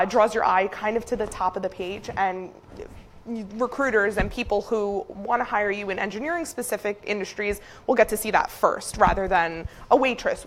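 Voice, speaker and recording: A woman gives friendly resume advice to a class, with lots of fillers between her points. Her voice sits at a middle pitch and talks in a relaxed, helpful way. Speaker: career advisor speaking to students. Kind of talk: classroom presentation.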